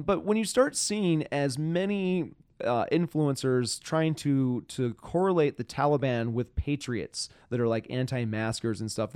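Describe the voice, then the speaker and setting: A man hosting a casual political podcast, frustrated and profane, talking in halting bursts full of restarts. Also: medium pitch, a little mellow, clean tone, dry recording, studio quality. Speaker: podcast host.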